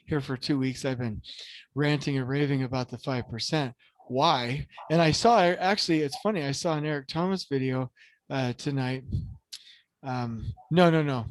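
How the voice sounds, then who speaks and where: A man's voice: mid-range voice, no room sound. A man hosting a casual motivational podcast, talking earnestly and at length with many restarts and fillers, growing impassioned. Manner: grows impassioned and emphatic. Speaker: podcast host.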